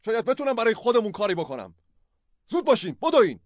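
A man voicing a frantic old male biochemist who talks breathlessly and shouts in a story reading. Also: very animated, no echo, clean studio sound. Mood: panicked. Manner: breathless, high-strung, shouting. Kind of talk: audio drama storytelling.

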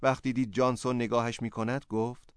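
A man reading a story as narrator, in a steady, measured way. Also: medium pitch, clear, resonant tone, dry recording, clean studio sound. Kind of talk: scripted narration.

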